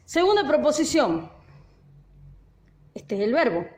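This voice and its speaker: A woman's voice: high-pitched, very animated, unhurried. A woman teacher patiently explaining grammar, often checking that her students follow. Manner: patient, asks frequent check questions. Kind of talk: grammar lesson, explaining at a board.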